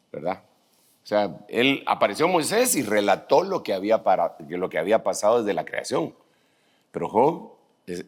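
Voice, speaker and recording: A man, teaching a group of pastors. His fairly low voice rises and falls with a lot of movement. He slips from reading scripture aloud into joking asides and back, keeping the sermon conversational.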